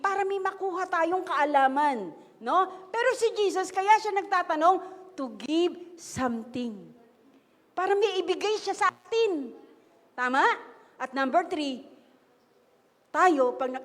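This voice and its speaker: A woman with a Filipino accent preaching a sermon, mixing in English phrases and putting questions to the congregation. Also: high voice. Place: church. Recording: echoey church hall.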